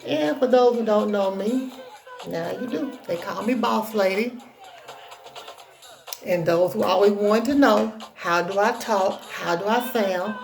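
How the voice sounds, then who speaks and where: A woman vlogger speaks with a deep Southern accent and a strongly creaky edge to her voice. Her talk is folksy, casual and self-assured, with a sassy country flavor. Music plays clearly behind her. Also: unhurried. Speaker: hair tutorial vlogger. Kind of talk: casual chat to viewers.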